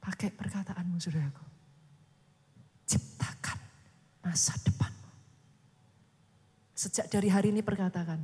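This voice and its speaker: A woman pastor preaching a sermon, animated and constantly addressing the congregation, acting out quoted speech with dramatic swings. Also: lowish voice, normal speed, long pauses, long reverb tail. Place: church.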